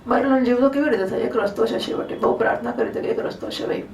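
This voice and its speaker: Rapid-fire and creaky yet a little mellow, her voice runs on the high side with slight hiss or hum. She tells scripture devotionally in a conversational style, frequently questioning listeners, recorded from afar in a spacious hall with faint ambience.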